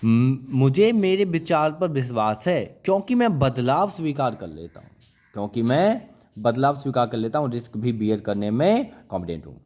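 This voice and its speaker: A man's voice: medium pitch, big pitch swings, normal speed, a little mellow. A male teacher giving a classroom lecture. He repeats each word and quizzes his listeners with questions, coaxing them along and calling them brother and child. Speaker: English vocabulary teacher.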